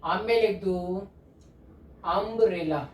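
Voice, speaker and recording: A man's voice: high voice, slow. A man teaching English grammar, explaining patiently, repeating key points and checking often that students follow. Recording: echoey room from a distance.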